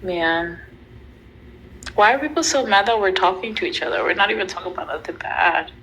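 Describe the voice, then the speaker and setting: A woman's voice: mid-range voice, animated, a little fast, bright, forceful tone, a little hiss or hum, low-quality recording. A woman in her thirties co-hosting a casual live stream, speaking candidly and answering viewer comments aloud. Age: 30s.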